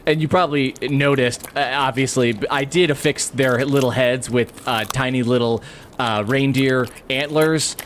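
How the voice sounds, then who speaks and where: A man co-hosting an improvised comedy podcast, narrating deadpan and rambling in halting, restarting sentences. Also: mid-range voice, slight background noise.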